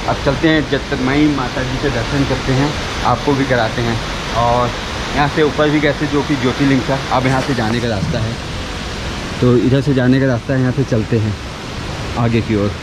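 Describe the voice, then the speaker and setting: A travel vlogger narrates a walking tour of an outdoor temple site, speaking straight to his viewers in a chatty, admiring way. His voice is medium-pitched and steady, competing with the loud rushing water of a nearby waterfall.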